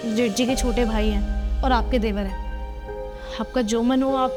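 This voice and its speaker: A woman's voice: on the high side, steady tone, measured pace, music in the background, natural voice. A woman playing a young wife who apologetically pleads with her sister-in-law in a scripted family drama. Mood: contrite.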